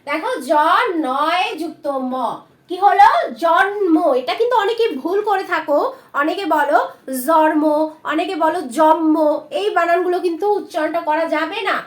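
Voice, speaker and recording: A woman teacher giving a patient spelling lesson at a board, repeating each word slowly for her learners. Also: very high-pitched, roomy sound.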